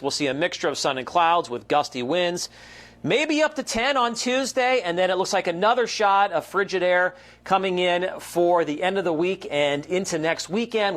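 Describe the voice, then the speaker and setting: An American man presenting a TV weather forecast in an explanatory, ad-libbed broadcast style with measured emphasis. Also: sits high, fairly bright tone.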